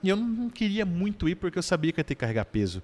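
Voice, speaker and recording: Brazilian man, podcast guest, animated personal storytelling. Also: sits high, rapid-fire. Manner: animated storyteller, keeps adding "né?".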